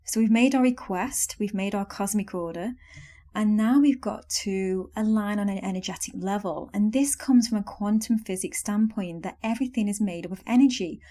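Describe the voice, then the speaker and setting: A young woman talks straight to her listeners in a solo podcast. Her voice is mellow and warm, and her tone is earnest and coaching. She uses the soft wording of self-help talk. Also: medium pitch, normal speed. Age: young adult. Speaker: podcast host.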